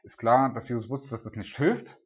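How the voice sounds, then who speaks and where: A middle-aged father teaching the Bible talks informally through a passage, chatty and full of fillers like "ne" and "so". His mid-range, slightly rough voice moves at a moderate pace, and the audio sounds dull.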